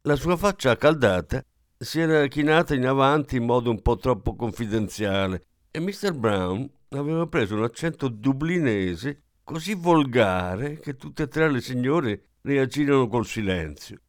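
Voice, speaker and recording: Casting: male audiobook narrator, lively melodic reading, dry close sound. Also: mid-range voice, normal speed, no room sound. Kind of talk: scripted narration of a literary story.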